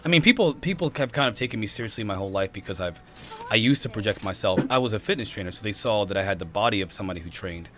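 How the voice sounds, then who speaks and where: A man in his thirties hosting a podcast, chatting casually with quick, excitable exclamations. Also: fairly low pitch. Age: 30s. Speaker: podcast host. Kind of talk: casual chat.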